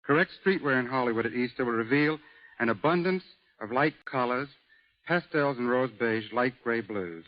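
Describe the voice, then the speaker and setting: Reading from a script, a man serves as the guest expert on a radio broadcast, sounding measured and matter-of-fact. The old recording is dull, and his pitch is medium.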